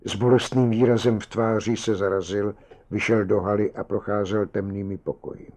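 A man narrating a story as an audiobook in a measured, dramatic way. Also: fairly low pitch, flat delivery, a little mellow. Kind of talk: audiobook reading.

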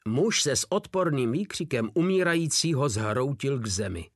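A man's voice: medium pitch, animated, no echo, studio quality. A man narrating a war novel in the first person with a grim, dramatic reading. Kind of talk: audiobook narration.

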